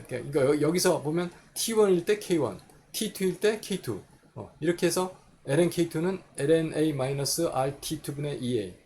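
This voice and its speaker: A man's voice: a little high, warm tone, slight background noise. A man giving a recorded chemistry lecture, working through equations step by step and asking and answering his own questions.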